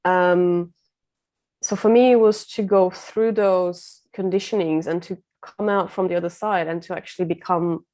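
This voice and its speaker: Woman from Turkey, guest coach, reflective and earnest, warm mellow tone. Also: lowish voice, fairly even intonation, normal speed. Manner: reflective, earnest, many fillers. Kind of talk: casual conversation.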